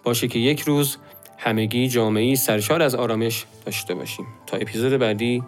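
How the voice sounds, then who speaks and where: A man hosting a podcast, speaking directly to listeners in a friendly, scripted way. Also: mid-range voice. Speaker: podcast host. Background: soft music.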